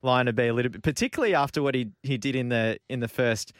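A man's voice: mid-range voice, quick pace, clear, resonant tone, no room sound, clean studio sound. A man hosting casual sports chat, hesitant, often stammering as he restarts. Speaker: cricket podcast host.

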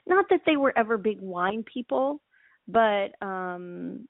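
A woman's voice: mid-range voice, slow, creaky, dry recording. Woman on a thin phone-like line. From Hawaii. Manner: relaxed, many ums and restarts. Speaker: winemaker guest. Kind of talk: casual interview chat.

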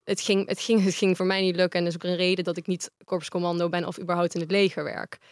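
A woman's voice: on the low side, little pitch movement, quick pace, dry recording, clean studio sound. A woman guest in a casual interview, speaking frankly and at length.

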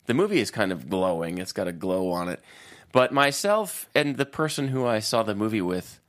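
A young adult man co-hosting a casual movie review chat, telling stories in an animated way with quick asides and giggles. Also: on the low side. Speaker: podcast co-host.

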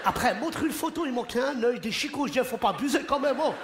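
A stand-up comedian, a man, performs an animated, joking routine on a theater stage and puts on voices for the people in his stories. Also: extremely high pitch, quick pace, noisy background. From Morocco. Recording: live show in a hall, audience laughter. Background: audience laughing and cheering.

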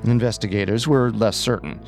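Low-pitched man narrating true crime. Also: a little fast, gravelly, a little mellow, soft background music.

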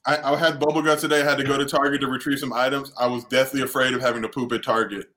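A man's voice: mid-range voice, little pitch movement, rapid-fire, bright, forceful tone. A man telling casual comic stories as a show panelist, slangy and emphatic. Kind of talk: casual comedic storytelling.

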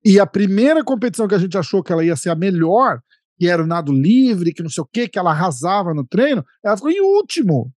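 A man, a father telling stories in a casual chat, lively and swearing freely. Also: sits high, no room sound, studio quality. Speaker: guest, father.

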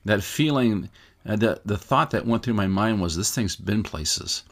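A man's voice: lowish voice, expressive, a little slow. A man hosting a show, giving casual, musing commentary and reading out articles in a conversational way. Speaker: host of a UFO news show.

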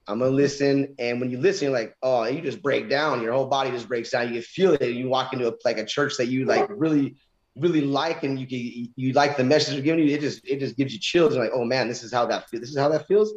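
A man's voice: medium pitch, fast talker, lo-fi sound. A man in casual religious conversation, speaking earnestly and emphatically and often repeating his phrases.

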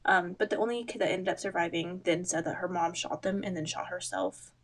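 A woman's voice: lowish voice, fairly even intonation, a little fast. A young woman hosting a casual true-crime chat, talking in a loose, rambling way with frequent asides and ums. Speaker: podcast host.

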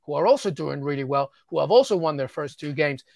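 A man's voice: a little high, expressive, fast talker, gravelly, darkish tone, dry recording, clean studio sound. A man, from England, giving enthusiastic soccer analysis as an interview guest, often stammering on repeated words.

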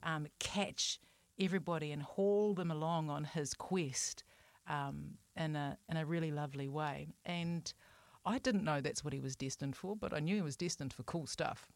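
Woman, New Zealand accent, lowish pitch, dry sound, casual and playful radio chat. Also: normal speed, gravelly, no room sound.

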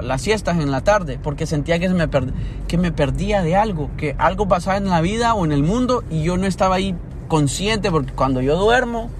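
A man shares his thoughts in a relaxed vlog. His voice sits slightly high, and he circles back and restarts as he thinks aloud. Faint vehicle noise hums in the background. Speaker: vlogger. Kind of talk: casual reflective monologue.

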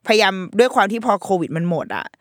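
A woman's voice: mid-range voice, quick pace, no echo, clean studio sound. A woman talking casually as a guest, candid and self-mocking, with some casual swearing. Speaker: podcast guest. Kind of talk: casual chat.

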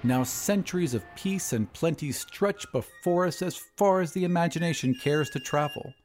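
Male narrator as elderly doctor, genial, pompous, lecturing, raised lilting pitch, music behind. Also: normal speed, natural voice. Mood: sympathetic, persuasive. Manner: lecturing, emphatic. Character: genial, pompous, very old male doctor championing population control. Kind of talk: audiobook story character.

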